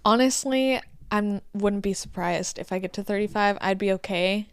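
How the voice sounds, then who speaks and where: A heavily pregnant woman in her late twenties, co-hosting a podcast in casual, rambling chat and quoting herself in lively asides. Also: medium pitch, moderate pace, clean tone, no echo. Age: 20s. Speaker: podcast co-host.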